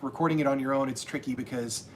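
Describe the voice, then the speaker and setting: Casual livestream host, man, rambling and restarting, middle pitch, faint rumble behind. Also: fairly even intonation, fast talker. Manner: rambling, many restarts and fillers. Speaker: channel host and self-published author.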